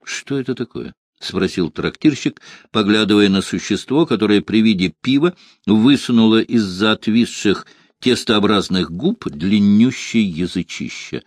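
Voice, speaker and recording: A man reading an audiobook in expressive scripted narration on a studio mic. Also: lowish voice, unhurried, no room sound.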